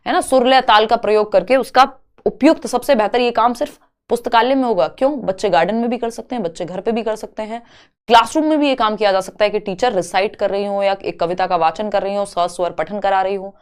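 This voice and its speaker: A woman's voice: medium pitch, brisk, clear, resonant tone. A woman teaching an online exam-prep lesson, explaining each option step by step with rhetorical questions and English terms mixed in. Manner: mixes English terms into Hindi.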